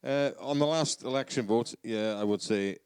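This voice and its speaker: A man's voice: medium pitch, normal speed, darkish tone, smooth, no room sound, studio quality. A man, a band member guest in casual podcast chat, hesitant and restarting his sentences often.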